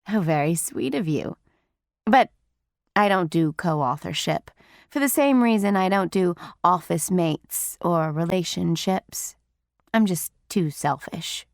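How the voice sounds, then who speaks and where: A woman reading aloud, voicing a proud, selfish middle-aged woman academic with a deep, raspy voice and a cool, dryly dismissive way of talking. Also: slow pace, no room sound, studio quality. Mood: coolly mocking.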